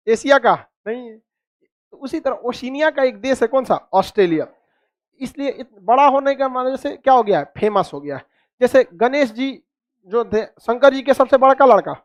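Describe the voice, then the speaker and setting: A man's voice: very high-pitched, no room sound, studio quality. A man teaching a class, quizzing students with repeated questions and cracking jokes. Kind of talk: classroom lecture with call-and-response.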